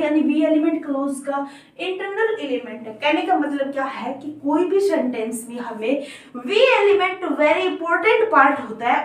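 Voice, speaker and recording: A woman teaching an online English grammar lesson, explaining step by step and checking in with her students often. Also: sits high. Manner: explanatory, repeats "theek hai" to check understanding. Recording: very echoey room, voice from a distance.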